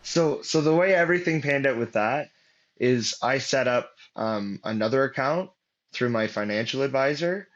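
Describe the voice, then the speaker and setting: A man's voice: mid-range voice, moderate pace, fairly bright tone. Rambling man telling a story, lo-fi. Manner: rambling, many fillers and restarts, acts out quotes. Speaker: interview guest. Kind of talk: casual storytelling.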